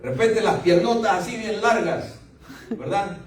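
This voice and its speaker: A man's voice: high voice, unhurried, a crowd in the background. Older male pastor preaching in echoey hall. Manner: animated preaching with frequent laughter, rising to exclamations. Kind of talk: sermon. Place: church sanctuary. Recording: echoey church hall, voice from a distance.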